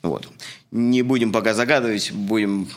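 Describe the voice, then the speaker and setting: A man's voice: fairly low pitch, steady tone, normal speed, slight background noise. A man in his thirties from Russia, co-hosting a casual podcast and talking earnestly with fillers. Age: 30s. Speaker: podcast co-host. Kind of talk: casual chat.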